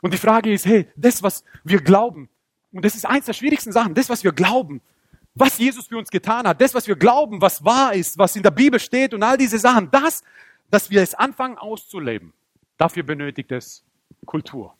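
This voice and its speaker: Animated young preacher. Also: male voice, sits high, normal speed, dry recording, studio quality. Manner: animated storytelling, acts out scenes, voice climbs when excited. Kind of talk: sermon with personal testimony.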